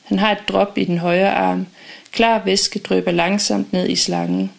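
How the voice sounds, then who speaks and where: A woman reading a first-person audiobook in a calm, measured, intimate way. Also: mid-range voice, vocal fry. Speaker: audiobook narrator.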